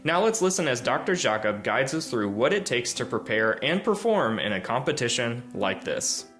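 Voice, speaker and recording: Man, show host, reads an intro then interviews, lively pitch, faint music behind. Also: normal speed. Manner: lively intonation, hesitant fillers when asking. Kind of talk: scripted intro and interview questions.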